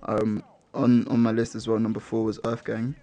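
Gravelly-voiced young man chatting. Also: on the low side, monotone, normal speed, warm tone. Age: young adult. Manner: laddish, bantering, rambling. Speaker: music podcast host. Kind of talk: casual chat with slang.

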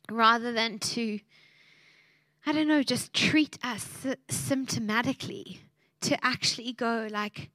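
A woman in her thirties gives a heartfelt, emotional sermon. Her voice sits high, and the sound is close and dry with little room around it. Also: a bit bright, no echo. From South Africa. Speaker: preacher.

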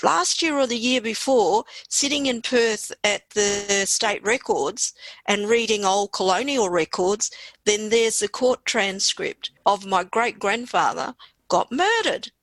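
A woman's voice: mid-range voice, takes it slowly, no room sound, low-quality recording. A woman from Western Australia with an Australian accent, a poet talking reflectively in conversation as an interview guest.

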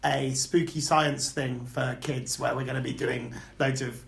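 A young man talking as a podcast guest at a live show, rambling and self-deprecating, with a jumpy pitch. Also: fairly even intonation, measured pace, vocal fry. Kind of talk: live podcast chat before an audience. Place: live music venue room. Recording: echoey live venue room.

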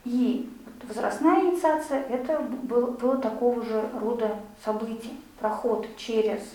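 At a moderate pace, a woman with a mellow, slightly high voice explains her lecture topic and answers audience questions, using many fillers in a conversational manner. The room echoes and she sounds far off.

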